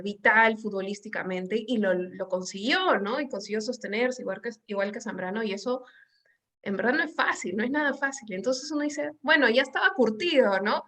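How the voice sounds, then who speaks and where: A woman's voice: on the high side, a bit bright. A woman hosting a conversational interview, talking in an engaged, thoughtful way with some fillers. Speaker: interview host.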